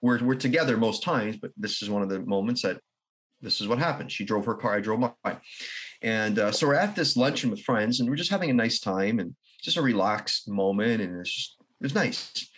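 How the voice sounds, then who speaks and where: Husky-voiced man telling a personal story. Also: lowish voice, expressive. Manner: earnest, halting, with restarts and soft laughs. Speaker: podcast guest. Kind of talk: reflective personal storytelling in an interview.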